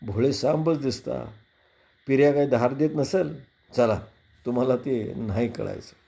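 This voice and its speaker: A man voicing a quick-tempered village police sub-inspector who barks orders and curses loudly. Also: medium pitch, creaky. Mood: sly, mocking.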